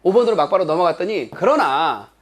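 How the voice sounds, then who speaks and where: A high-pitched middle-aged man gives an exam-prep English lecture in a classroom. He is lively and expressive and acts out the lines he quotes. His delivery is loose and conversational. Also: a little fast. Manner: animated, acts out quoted children in a higher voice.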